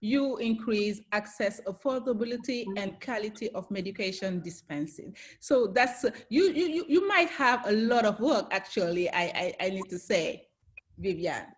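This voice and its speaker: A woman hosting a webinar interview, halting and restarting her questions and laughing often. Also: medium pitch, expressive. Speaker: webinar host. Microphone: video call.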